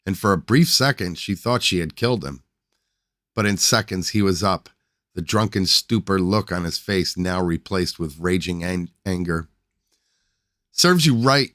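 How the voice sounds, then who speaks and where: A man reading a short story aloud as a podcast host, in a steady, measured way with a few small slips. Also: low-pitched, dry recording, studio quality. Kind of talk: scripted short story narration.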